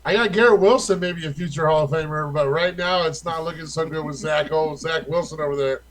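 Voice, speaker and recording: A man's voice: a little high, fairly quick, rough recording. Loose, stat-rattling young man. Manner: loose and profane, rattles off stats. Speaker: fantasy football co-host. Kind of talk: casual podcast chat.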